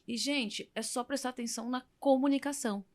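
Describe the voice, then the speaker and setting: A woman with a Brazilian Portuguese accent, a therapist talking in a casual podcast conversation, direct and animated, often acting out the people she quotes. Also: high voice, brisk. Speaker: therapist guest.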